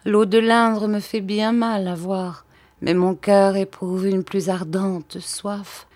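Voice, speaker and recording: A woman voicing a dying noblewoman in an audiobook, feverish and childlike, pleading in a breathless, high voice. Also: steady tone, slow, a little mellow, dry recording, natural voice. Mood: tender pleading. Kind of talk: audiobook character voice.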